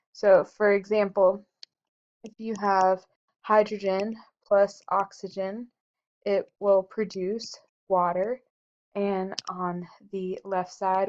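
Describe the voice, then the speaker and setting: A woman's voice: medium pitch, lo-fi sound. A woman chemistry teacher giving a recorded lecture, explaining steadily with frequent ums and uhs. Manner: slow and explanatory, frequent um and uh fillers.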